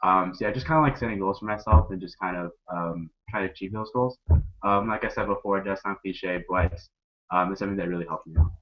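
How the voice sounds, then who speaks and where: A man's voice: sits low, fast talker. A young man, a student peer advisor, talking casually on a panel with many ums and likes. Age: young adult. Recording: dull lo-fi audio.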